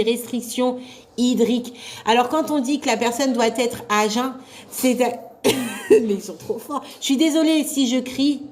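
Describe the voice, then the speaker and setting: Loud-voiced woman teaching live. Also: on the high side. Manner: loud, carrying voice, chatty and encouraging. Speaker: nursing assistant trainer. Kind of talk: live online revision class.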